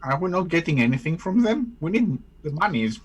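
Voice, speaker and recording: Man, tabletop player, joking, slightly high voice. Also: sing-song, brisk, breathy edge, dull audio. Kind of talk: casual tabletop play.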